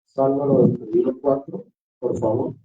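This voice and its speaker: A man's voice: medium pitch, flat delivery, moderate pace. A man, a pastor, teaching a Bible workshop to a class and repeating rhetorical questions to his students. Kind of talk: classroom lecture. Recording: echoey room, distant dull lo-fi mic.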